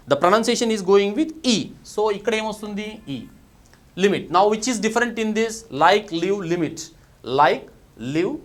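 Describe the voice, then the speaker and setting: In a recorded video lesson, a man with a Telugu accent teaches English pronunciation, switching between Telugu and English. He asks the class questions and then answers them himself, in a high voice.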